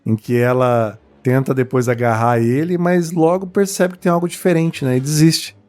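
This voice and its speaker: A man's voice: mid-range voice, fairly even intonation, moderate pace, darkish tone, faint music behind. A man co-hosting a podcast, chatting casually and reacting with short, easygoing remarks. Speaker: podcast co-host. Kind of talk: casual film chat.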